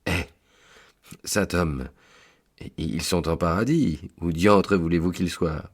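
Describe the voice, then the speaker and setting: A man's voice: low voice, takes it slowly, exaggerated voice. A man voicing a solemn male angel who keeps the great book, speaking formally with a raised voice. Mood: insistent. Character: solemn male angel keeping heaven's ledger.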